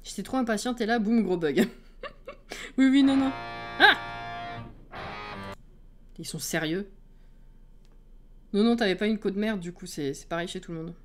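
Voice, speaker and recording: A woman's voice: mid-range voice, unhurried, pauses often, faint music behind. A woman streamer in casual chat with her viewers, laughing often and greeting people as they come in.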